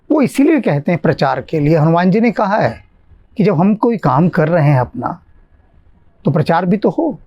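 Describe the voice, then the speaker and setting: A man giving a calm devotional talk as a spiritual teacher, slowing down to stress his points. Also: sits high, muffled recording.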